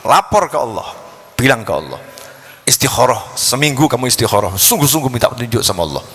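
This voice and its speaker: A man voicing a calm, older Islamic teacher giving advice, in a sermon story, recorded in a reverberant mosque hall. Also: medium pitch, fairly quick, slight background noise, voice pushed down.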